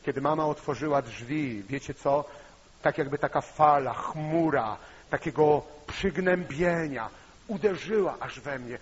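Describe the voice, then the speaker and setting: A man preaching a sermon, telling a personal story with emotion and rising to loud, impassioned peaks. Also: fairly high pitch, a little slow, breathy edge. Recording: muffled sound with long hall reverb.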